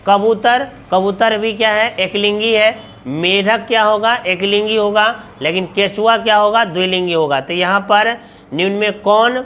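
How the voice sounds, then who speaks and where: A man's voice: high-pitched, a bit bright. A male coaching teacher going through objective exam questions, asking each question aloud and answering it himself, repeating every answer for drilling. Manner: asks questions then answers them himself. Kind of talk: exam question walkthrough lesson.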